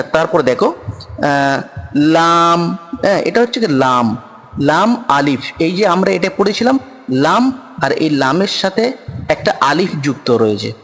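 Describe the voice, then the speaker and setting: A man teaching Quran reading in a slow spoken lesson, patiently repeating each Arabic letter with many pauses, with a Bengali accent. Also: high voice, a bit bright. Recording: long reverb, room echo.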